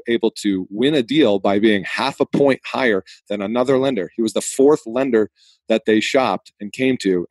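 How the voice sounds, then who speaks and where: A man's voice: on the low side, a little mellow, no room sound. A man with a Boston accent hosting a podcast in a casual, conversational style. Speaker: podcast host.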